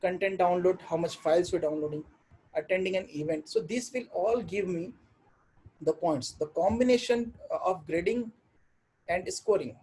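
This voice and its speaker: A man with an Indian accent gives an online software lesson. His voice sits high for a man and has a soft, mellow tone. He explains haltingly and repeats himself, over faint background noise. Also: rough recording. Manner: halting, repetitive explanations with worked examples. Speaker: software trainer.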